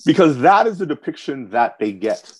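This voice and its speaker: A man's voice: a little high, moderate pace. A man who works as a voice actor, talking with passion on a podcast and acting out the people he quotes. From Canada. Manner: animated, impassioned, acts out quoted people. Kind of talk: casual podcast discussion.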